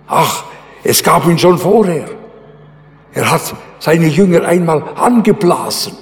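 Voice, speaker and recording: A man preaching a sermon in a slow, emphatic way, pausing often and swinging his pitch widely between low and high. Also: lively intonation, in a large hall, soft background music.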